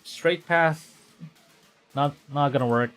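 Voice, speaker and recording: A male VTuber streamer from the Philippines speaks slowly in a slightly bright voice on the high side, over music. He gives live playthrough commentary and reads visual novel text aloud, thinking aloud haltingly and stumbling over the lines he reads.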